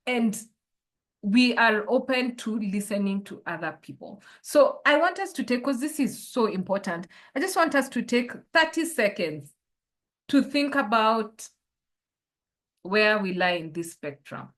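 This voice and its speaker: A woman's voice: fairly high pitch, lively intonation, measured pace, fairly bright tone. A woman, a life coach leading an online workshop and posing reflective questions to her listeners over a video call.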